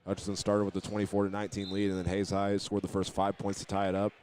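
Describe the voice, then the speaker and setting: Slight background noise sits under this American man's quick, monotone play-by-play of a live basketball game in a high school gym. His voice is a touch mellow, and the radio call carries clear gym sounds and ball bounces.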